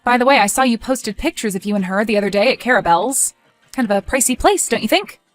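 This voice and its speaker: A woman's voice: fairly high pitch, fast talker, faint music behind, close to an everyday voice. Woman playing a skeptical, chatty grown daughter. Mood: accusing. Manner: conversational, expressive, skeptical. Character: skeptical, chatty adult daughter, sharp-tongued and suspicious. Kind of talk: scripted story dialogue.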